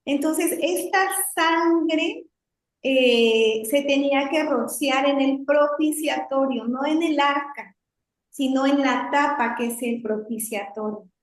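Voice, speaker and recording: A woman pastor with a high voice teaches scripture to a group on a video call. She explains patiently and keeps checking that her listeners follow. Her voice rings in an echoey room. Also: slow pace. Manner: explanatory, often adds "¿no?" and "entonces". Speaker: pastor leading a women's devotional.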